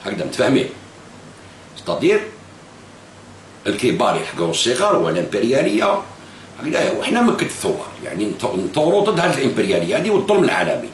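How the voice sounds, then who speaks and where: A man's voice: mid-range voice, huge pitch swings, quick pace, pauses often. A man with an Algerian Arabic accent, delivering political commentary straight to camera, slipping into French and repeating phrases for emphasis. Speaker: political video blogger. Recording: echoey room with faint hiss.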